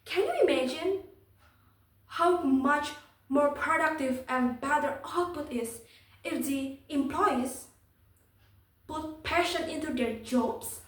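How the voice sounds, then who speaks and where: Young female speech contestant, Indonesian accent, high pitch, stiff rehearsed-by-heart delivery, echoey room. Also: takes it slowly, long pauses. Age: young adult. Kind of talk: prepared competition speech. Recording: echoey room, distant microphone.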